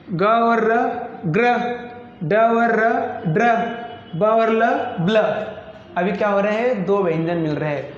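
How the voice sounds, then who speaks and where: A male teacher giving a classroom lesson, who asks a question and then answers it himself. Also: sits high. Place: classroom with a board. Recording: echoey, dull lo-fi room sound.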